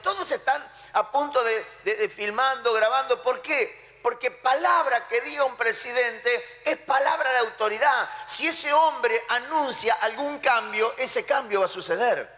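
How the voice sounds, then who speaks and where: Argentine pastor guy preaching hard, highish voice, dull sound with long hall echo. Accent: Argentine Spanish. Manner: emphatic, with acted-out prayers. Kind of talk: sermon. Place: church hall. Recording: muffled sound in a reverberant hall.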